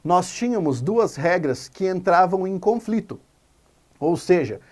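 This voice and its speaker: Male teacher, animated pitch, emphatic video lesson voice. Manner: lively, emphatic, spells out words slowly. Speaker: Portuguese teacher.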